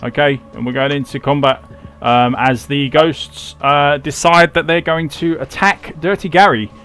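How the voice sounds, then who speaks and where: A man's voice: fairly high pitch, fairly even intonation, a little slow, a bit bright, smooth. A man running a tabletop game as game master, narrating in a hesitant way as if thinking aloud. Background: music.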